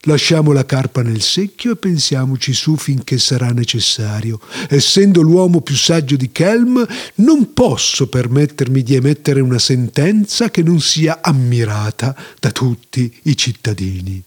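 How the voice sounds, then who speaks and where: A man's voice: mid-range voice, big pitch swings, a little slow, hardly any pauses, slightly rough. A man voicing a pompous, self-important elder who is the nearsighted chief sage of his village, deliberating aloud in a grand way.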